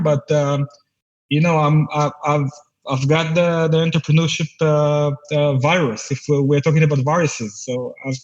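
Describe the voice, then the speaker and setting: A man guesting on a podcast, his slightly raised voice coming through dull, lo-fi call audio. He talks haltingly, stopping and restarting his sentences. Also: a little high. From Israel. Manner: hesitant, many restarts and fillers. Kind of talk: casual interview chat.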